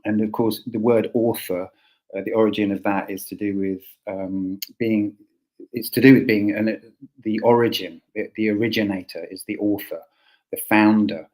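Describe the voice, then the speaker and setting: Male roundtable host, southern English, lowish voice, halting thinking-aloud delivery. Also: steady tone, darkish tone, poor audio. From Essex, England. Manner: hesitant, thinking aloud, rephrasing often. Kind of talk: informal roundtable presenting.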